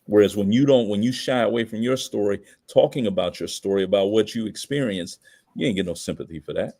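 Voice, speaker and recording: As a podcast guest, an American man with a lowish, mellow voice talks fast, offering opinionated commentary in conversation. He's emphatic and slangy and often asks rhetorical questions.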